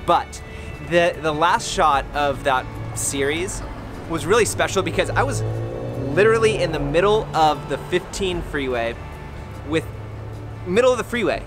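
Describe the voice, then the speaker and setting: A man in his thirties chats casually through a photography vlog in a slightly higher voice than most men. He talks in a relaxed, rambling way with offhand asides. Loud music plays behind him the whole time. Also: unhurried. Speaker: photographer vlogger. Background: loud background music.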